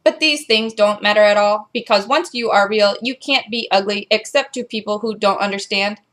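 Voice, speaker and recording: A woman voices a robot reading a children's storybook aloud, delivering the scripted narration in a mechanical, measured, robotic way. Her mid-range voice, moderate in pace and fairly bright, stays close to how she normally speaks.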